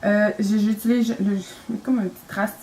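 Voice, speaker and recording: A woman's voice: medium pitch, fairly even intonation, moderate pace, warm tone, slight background noise, rough recording. A young woman with a Quebec French accent, talking casually and enthusiastically about her makeup, rambling with lots of fillers. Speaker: beauty vlogger.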